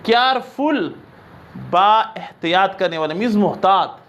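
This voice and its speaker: A man teaching an English grammar lesson, reading example sentences slowly and often checking that his students understand. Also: high-pitched, big pitch swings, a bit bright, dull audio. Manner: explains in Urdu, reads English examples slowly.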